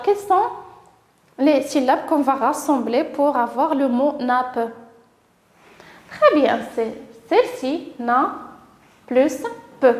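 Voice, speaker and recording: A primary school teacher with a Moroccan accent teaches young children, speaking slowly and clearly, encouraging them and sounding out every syllable. Her voice is high-pitched and a little mellow, with a reverberant sound.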